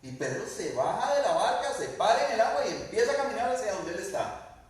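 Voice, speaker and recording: A man's voice: sits high, big pitch swings, a little fast. A male pastor preaches a sermon, asking the congregation questions and acting out quoted lines. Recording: very echoey room, mic at a distance.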